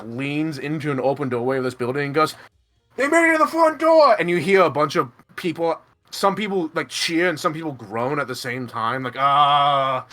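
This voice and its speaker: A man's voice: a little high, a bit bright. A man narrating a tabletop role-playing game as game master, rambling energetically with many fillers.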